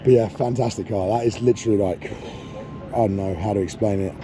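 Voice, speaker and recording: A man's voice: on the low side, steady tone, fairly quick. Joking man vlogging outdoors at an airfield. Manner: laughing, joking banter. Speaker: car vlogger. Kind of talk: casual vlog chat. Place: outdoors at an airfield near cars. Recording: outdoor vlog with clear background noise.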